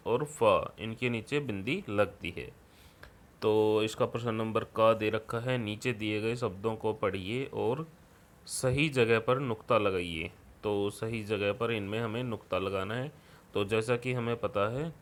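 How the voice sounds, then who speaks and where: A man's voice: medium pitch, a bit bright. A man teaching schoolchildren through a worksheet, explaining patiently and often checking in with the class. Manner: patient, repeats words and fills with "ठीक है". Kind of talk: worksheet lesson explanation for children.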